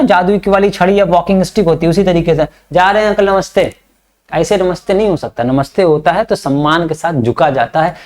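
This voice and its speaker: A male teacher giving a Hindi-medium English lesson. He reads English lines slowly and then explains them in chatty Hindi, with fatherly, scolding asides to his students. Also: sits high.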